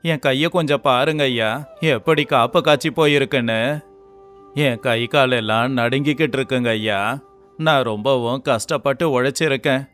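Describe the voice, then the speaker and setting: A man voicing a poor, weary and honest young laborer in an animated story, with a pleading, earnest way of talking. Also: mid-range voice, normal speed, faint music behind, close to an everyday voice. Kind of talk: storybook voice acting.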